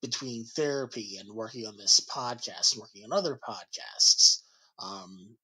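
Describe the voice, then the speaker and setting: Guy from new jersey chatting on a podcast, slow and halting, bright kinda tense voice, laughs a lot. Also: mid-range voice, breathy edge, poor audio. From New Jersey, USA. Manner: hesitant, self-doubting, laughs often. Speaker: podcast host being interviewed. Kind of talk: casual chat.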